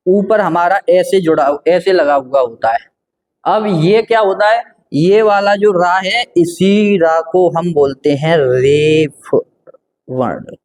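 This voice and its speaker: Male teacher, high-pitched, patient and repetitive, walking through a grammar lesson. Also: darkish tone. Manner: patient, repetitive, asks and answers his own questions. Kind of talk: grammar lesson explaining at a board.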